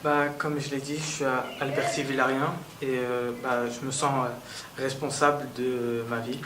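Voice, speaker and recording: A hesitant eighteen-year-old man answers interview questions, pausing and restarting often. His voice stays flat in pitch. He sounds roomy and distant from the mic, with clear background noise. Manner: hesitant, many "euh" fillers and restarts. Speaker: local youth council member.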